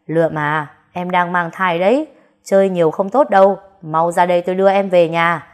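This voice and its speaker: A woman's voice: medium pitch, moderate pace, husky, lightly acted. A woman voicing a hot-tempered young master. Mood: pleading loudly. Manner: commanding, shouting threats.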